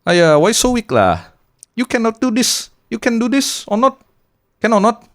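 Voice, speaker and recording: A shrill scolding Singlish uncle. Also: male voice, very animated, a little slow, a bit bright, full character voice. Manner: exasperated mock scolding, high and drawn out. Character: scolding middle-aged Malaysian Chinese uncle.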